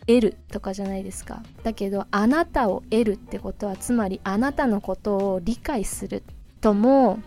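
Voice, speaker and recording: Woman English tutor, mellow tone, patient explainer, repeats phrases slowly. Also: medium pitch. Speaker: English teacher. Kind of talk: casual spoken lesson. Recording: faint music behind.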